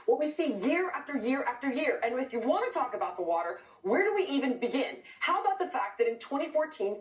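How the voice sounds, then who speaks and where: A woman from California speaking as a guest in a heated interview, outraged and emphatic, firing off points rapidly. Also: sits high, reverberant, distant mic, rough recording.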